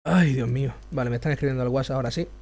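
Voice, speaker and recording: A man from Spain with a Spanish accent, a tired streamer chatting casually, animated and swearing freely. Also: medium pitch, racing. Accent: Spain, Castilian Spanish. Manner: animated, swears freely, mocks others by imitating them. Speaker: streamer drawing and answering chat. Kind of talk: casual chat.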